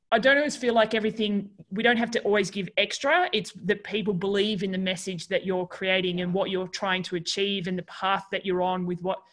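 A woman hosts a podcast in a relaxed, casual conversation. She talks in a chatty way, with frequent fillers and restarts. Her voice sits at a middling pitch for a woman. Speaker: podcast host.

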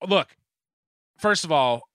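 A man's voice: on the high side, lively intonation, takes it slowly, pushed and bright, dry recording, clean studio sound. A man with a Boston accent in casual, exclamatory comedic banter, often indignant. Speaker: podcast co-host.

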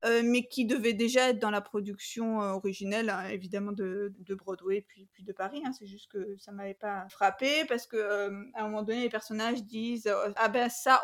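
A woman co-hosting a casual podcast about musicals, hesitant with many fillers and quick to laugh. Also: medium pitch. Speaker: podcast co-host.

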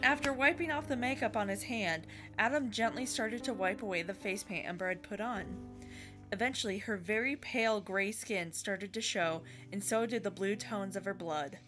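A woman's voice: medium pitch, normal speed. A woman reading a story aloud as narrator, with casual asides. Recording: music under the voice.

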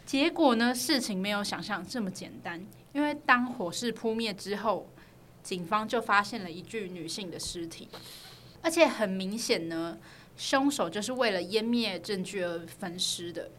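Bright-voiced Taiwanese woman narrating true crime. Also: mid-range voice, moderate pace, slight background noise. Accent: Taiwanese Mandarin. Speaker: true crime podcast host.

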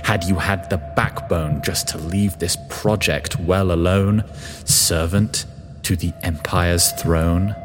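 A man reading the lines of a haunting, accusing female clone in a spoken verse story, in a quiet, measured way. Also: low voice, fairly even intonation, long reverb tail, faint music behind.

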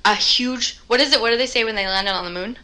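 A woman's voice: a little high, fast, a crowd in the background. A young woman from Canada, co-hosting a podcast in casual chat, talkative and laughing often. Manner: chatty, laughs often, puts on quoted voices. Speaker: podcast co-host.

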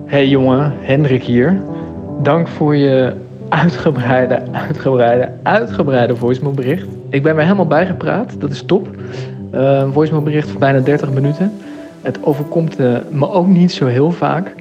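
A man, a podcast co-host, leaving a relaxed, dryly teasing voicemail message for his co-host. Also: fairly high pitch, moderate pace, over music. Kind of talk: casual chat. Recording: dull lo-fi voicemail audio.

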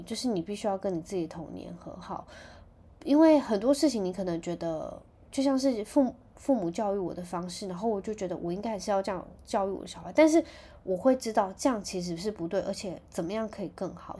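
A woman's voice: mid-range voice, warm tone, husky. A woman in her thirties hosting a podcast, chatting casually and animatedly as she tells stories about her children. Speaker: podcast host. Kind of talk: casual chat.

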